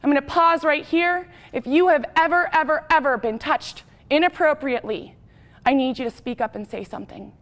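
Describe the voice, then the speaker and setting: A young woman from Wyoming giving a personal testimony speech, talking fast and chatty. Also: high-pitched, a bit bright. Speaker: speaker.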